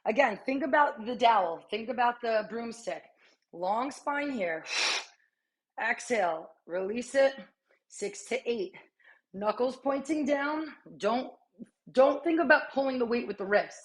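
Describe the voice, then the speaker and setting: A woman's voice: a little high, lively intonation, unhurried. A woman in her thirties coaching a strength workout while exercising, chatty and encouraging, with sighs and short breaths between cues. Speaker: fitness coach.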